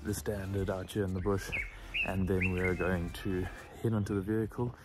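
A man's voice: sits low, little pitch movement, normal speed, music in the background. A man talking casually to camera as a travel vlogger on safari.

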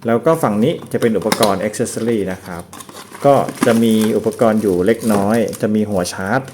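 A man giving a relaxed, casual product review, explaining each feature step by step. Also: fairly low pitch, moderate pace, background noise. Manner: relaxed, explains step by step with frequent polite particles.

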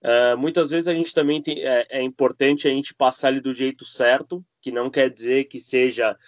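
A man's voice: mid-range voice, steady tone, normal speed, no echo. A man from Argentina, a cook and architect chatting as a podcast guest, rambling with many fillers and restarts. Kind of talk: casual interview chat.

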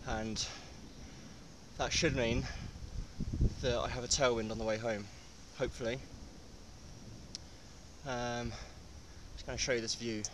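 Riding country lanes, a young English man chats to the close-mounted action camera on his bike, out of breath from the climbs. His medium-pitched voice stays steady and a little slow, with long pauses, while wind and road noise carry on in the background.

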